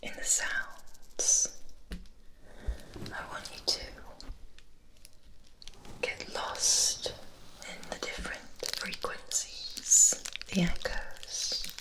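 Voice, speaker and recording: A woman leading an ASMR meditation in a breathy, unvoiced whisper, soothing and deliberate, softly repeating words. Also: rough recording. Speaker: ASMR host guiding relaxation.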